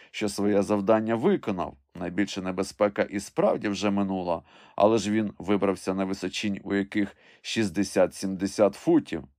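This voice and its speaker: A man reading an adventure story aloud as scripted narration, with expressive storytelling. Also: lowish voice, no room sound, clean studio sound. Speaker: audiobook reader.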